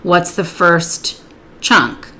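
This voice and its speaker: A woman literacy instructor explaining a spelling procedure step by step, patiently modeling words and sounds slowly. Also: on the low side, expressive, bright, forceful tone, slight background noise.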